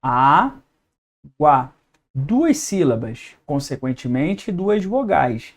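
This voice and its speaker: A man's voice: fairly high pitch, darkish tone. A man with a Brazilian Portuguese accent teaching an exam-prep lesson at a whiteboard, explaining step by step and checking in with his students.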